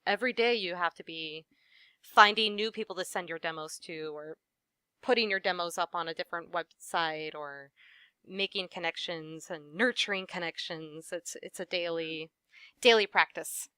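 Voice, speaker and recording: In a casual, relaxed interview, a voice actress talks shop in a bright, crisp, very clear voice that sits on the lower side, at normal speed. Friendly and quick to laugh, she scatters "you know" throughout. The recording is close and dry, with no echo.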